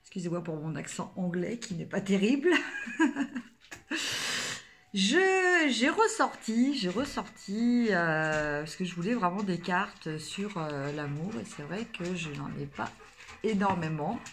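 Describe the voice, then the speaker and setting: A woman's voice: on the low side, animated, unhurried, a little hiss or hum. A woman from France reading tarot cards for her viewers, in a casual, hesitant way, full of fillers and restarts. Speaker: tarot card reader.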